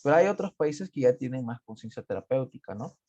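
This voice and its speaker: A man speaks calmly in measured phrases, thinking out loud in a relaxed chat. His voice is mellow and warm at a middle pitch. The recording sounds dull and lo-fi. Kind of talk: casual conversation.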